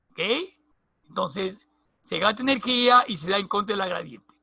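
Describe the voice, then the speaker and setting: Gravelly, bright-voiced male biology teacher. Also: sits high, no room sound, clean studio sound. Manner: repeats key terms, checks in with "¿ya?" and "¿no?". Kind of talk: recorded lecture.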